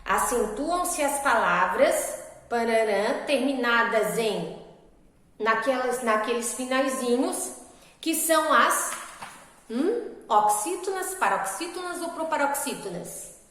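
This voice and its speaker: A woman's voice: a little high, expressive, slow pace, a bit bright. A woman teacher giving a recorded video lesson, explaining step by step and asking her pupils questions. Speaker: primary school teacher. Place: school classroom. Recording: echoey classroom with long reverb.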